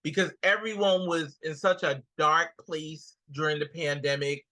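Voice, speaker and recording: Her voice sits low and her pace is measured, carrying a Guyanese accent. She's a comedian on a casual interview, an animated storyteller who acts out the quotes she relays.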